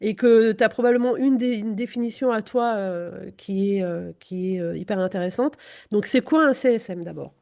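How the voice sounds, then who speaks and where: A woman's voice: mid-range voice, moderate pace, vocal fry, dark tone. A woman hosting a conversational interview podcast as a career coach.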